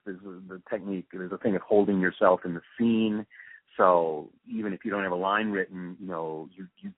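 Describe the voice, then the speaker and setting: An older-sounding man with a fairly low voice, a radio drama producer, reminisces and explains his craft during a casual phone interview as a guest. The narrowband phone line sounds tinny, with no room sound.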